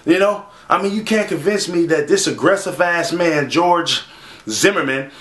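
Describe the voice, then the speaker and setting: A man's voice: on the high side, normal speed, a bit bright. Profane, sarcastic man ranting in an echoey room. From Minnesota. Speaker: vlogger. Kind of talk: casual ranting commentary.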